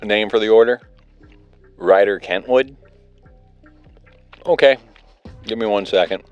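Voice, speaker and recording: A man's voice: on the low side, measured pace, clear, resonant tone, highs cut off, faint music behind, pitched above the performer's own voice, natural voice. A man voicing a bored, dismissive young woman taking pizza orders over the phone, curt and distracted. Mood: offhand. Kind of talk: horror story narration.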